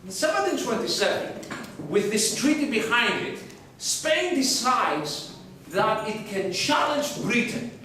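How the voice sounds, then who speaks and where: A male university lecturer giving a lively, joking class lecture and quizzing the students, recorded in a classroom from a distant camera. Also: very high-pitched, unhurried, a little hiss or hum. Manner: lively, jokey, asks the class questions. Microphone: far camera. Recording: echoey classroom from a far camera.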